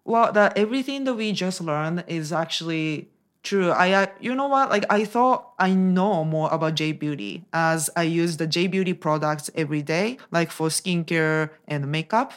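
A woman co-host with a slightly low voice. She reads narration, then chats loosely, restarting her thoughts often. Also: normal speed. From Japan. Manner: chatty, giggly, restarts sentences. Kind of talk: scripted narration and casual chat.

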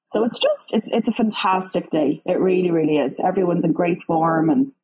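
Chatty Irish woman, slightly husky. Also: lowish voice, normal speed, low-quality recording. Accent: Irish, Dublin. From Ireland. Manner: chatty, lively storyteller. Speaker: guest. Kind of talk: casual interview chat.

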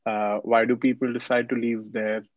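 A man hosting a podcast, asking halting questions with lots of fillers and some teasing. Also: mid-range voice, little pitch movement, dry recording, lo-fi sound. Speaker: podcast host. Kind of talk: casual interview.

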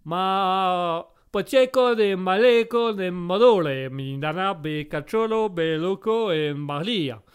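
A man's voice: high voice, clear, resonant tone. A man putting on a mock Italian examiner. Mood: theatrical. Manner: slow drawn-out fake Italian gibberish. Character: gruff Italian male driving examiner, gibberish-speaking. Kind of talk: comedic radio sketch.

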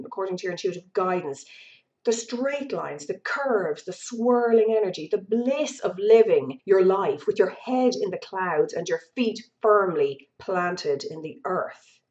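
An earnest woman speaks in a reflective spiritual talk, leaning on words and drawing them out. Her voice sits on the low side. The recording is dull and lo-fi. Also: mellow. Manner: earnest, unhurried, drawn-out emphasis on words.

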